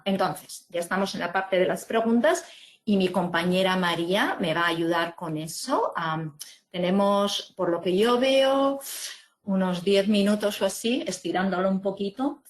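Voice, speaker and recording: A woman's voice: medium pitch, moderate pace. Woman from giving a webinar lesson, lots of ums and "¿no?", mid voice. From Spain. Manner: explanatory, many fillers and tag questions. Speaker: webinar presenter. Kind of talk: online teaching webinar.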